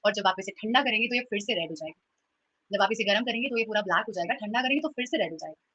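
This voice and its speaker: A young adult woman teaching an online grammar class, lively and teasing, switching between Hindi and English. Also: medium pitch, rapid-fire, breathy edge, dry recording. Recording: dull lo-fi sound.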